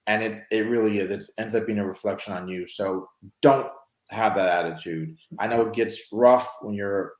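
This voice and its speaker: A man's voice: fairly low pitch, normal speed, darkish tone. Chatty man in a roomy room. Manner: conversational, with frequent "you know" and restarts. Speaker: podcast host. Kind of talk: casual chat. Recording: roomy echo.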